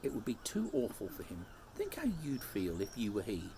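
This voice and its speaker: A man voicing a sensible, gently firm older-sister girl in a storybook. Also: on the low side, huge pitch swings, moderate pace, a little hiss or hum. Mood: hushed, firm. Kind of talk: storybook character voice.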